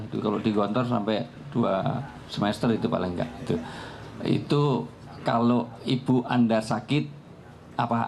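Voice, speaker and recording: A man preaching at a live forum, mixing teaching with jokes and little anecdotes. His voice sits at a middling pitch with a gravelly rasp. A faint noise hangs in the background. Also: a little mellow. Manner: joking, anecdotal storytelling with frequent laughs. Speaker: Islamic preacher. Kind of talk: humorous religious talk at a live forum.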